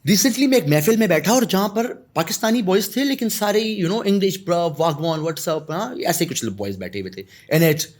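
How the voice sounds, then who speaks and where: A man's voice: sits high, few pauses. A man from Pakistan, a guest telling anecdotes in a podcast conversation, laughing as he goes. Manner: animated anecdotal storytelling with laughter. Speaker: guest, artist and storyteller.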